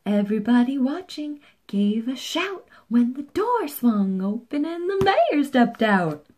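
Slow, lively woman reading aloud. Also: high voice. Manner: animated, playful, slow and expressive. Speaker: storybook reader. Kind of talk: children's read-aloud.

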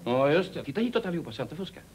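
A man's voice: on the high side, big pitch swings, a little mellow, slight background noise. An actor playing a jolly, lonely, chatty night watchman who giggles and rambles through silly jokes in 1970s TV comedy style. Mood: showy.

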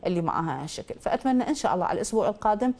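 A woman's voice: medium pitch, big pitch swings, racing, darkish tone. A woman with an Iraqi accent hosting a call-in astrology show. She quizzes a caller with probing questions, then gives confident pronouncements over a studio mic. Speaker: astrologer host.

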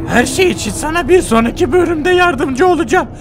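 A tiny, helpful alien speaks in an extremely high, squeaky voice. He draws his words out slowly, set back from the mic with clear music behind him. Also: lively intonation. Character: squeaky little alien helper sent by the professor.

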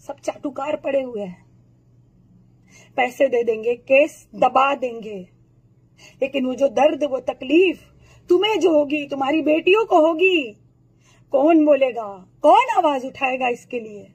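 A woman with a worn, hoarse throat rants at the camera in a high, strained voice. She is furious and accusatory, firing insults and rhetorical questions one after another. It is a raw, impassioned political outburst. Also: unhurried, a little mellow, rough recording.

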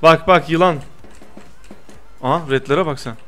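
A young man doing lively gameplay commentary, teasing his friend and protesting loudly to his viewers. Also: fairly high pitch, measured pace. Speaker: gaming YouTuber.

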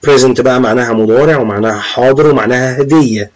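A young man with an Egyptian Arabic accent teaching a lesson, reading English words slowly and then explaining them. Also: medium pitch, rough recording. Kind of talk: classroom-style lesson explaining vocabulary.

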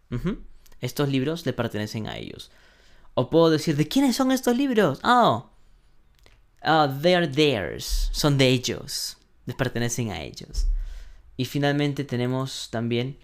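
A male teacher with a medium-pitched voice gives an online English lesson in Spanish, patiently explaining things step by step with frequent "ujú" and "¿no?" to check in with the class. He slows down sharply whenever he pronounces the English examples.

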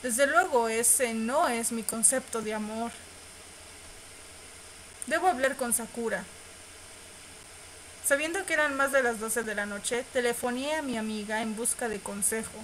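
A woman reads through a romance visual novel, her voice sitting a little high. She stays expressive the whole way, squealing and laughing at the sweet moments. A faint noise hums under the recording. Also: measured pace, long pauses, poor audio. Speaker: streamer reading a visual novel aloud. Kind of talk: reading game text aloud with live reactions.

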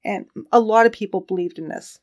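A woman co-hosts a casual true crime podcast and tells the case story. She talks in a relaxed, chatty way and laughs often. Her voice sits at an ordinary middle pitch. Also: fairly quick.

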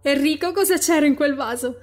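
A woman voicing a panicked young woman in an audio horror story, shouting in a frantic, shrill way. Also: fairly quick, lightly acted. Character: panicked young woman fleeing a deadly family party. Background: faint dark ambient music.

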